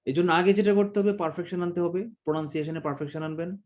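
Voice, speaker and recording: A Bangladeshi man with a voice a bit higher than most men leads an online exam-prep class. He talks in a chatty, joking way and stops to act out how words should be said. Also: fairly even intonation, quick pace. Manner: chatty, joking, demonstrates pronunciations. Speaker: teacher.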